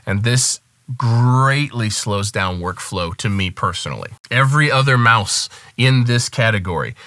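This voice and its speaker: A man, a music producer, giving a casual product review and calmly weighing the pros and cons. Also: medium pitch, unhurried, no room sound.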